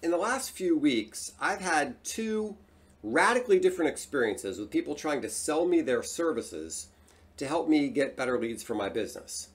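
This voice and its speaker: Animated man hosting a solo talk. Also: fairly high pitch, normal speed. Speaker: host.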